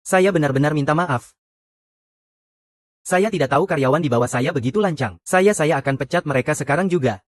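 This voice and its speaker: A man's voice: a little high, animated, brisk, pauses often, no echo, natural voice. Man acting servile, flustered bank manager. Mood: anxious, apologetic. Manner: obsequious, deferential. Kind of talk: dubbed modern romance drama.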